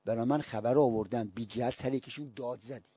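A man voicing a stern male ruler who rebukes an official, in a low, quiet, reproachful tone. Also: breathy edge, no room sound, muffled recording, lightly acted.

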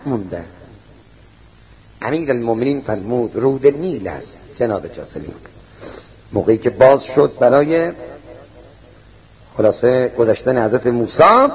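A man preaching a religious sermon as a dramatic storyteller, acting out the voices in his stories, in a dull lo-fi recording. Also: mid-range voice.

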